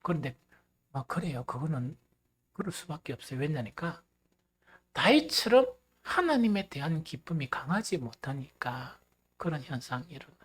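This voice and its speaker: A male pastor preaching a sermon, animated and swinging between loud and hushed. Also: on the high side, moderate pace, husky.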